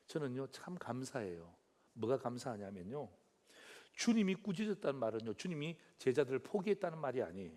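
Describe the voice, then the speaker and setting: A man preaches a Sunday sermon in a high voice whose pitch leaps and falls with lively animation. He keeps calling out to his congregation and firing rhetorical questions at them. He swings from loud, emphatic phrases down to hushed, low asides. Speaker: pastor.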